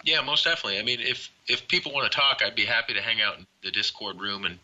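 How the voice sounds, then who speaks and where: Bright-voiced man on dull remote audio. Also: lowish voice, quick pace. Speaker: podcast guest, arcade collector. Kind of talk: casual podcast chat.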